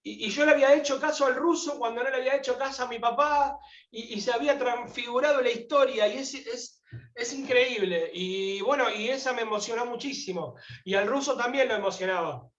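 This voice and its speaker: A man's voice: very high voice, fairly quick, reverberant, lo-fi sound. A man from Argentina with an Argentine accent, a guest telling a heartfelt story in an interview and acting out the voices in it. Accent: Argentine Spanish. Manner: animated, acts out quoted voices. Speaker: guest pilgrim.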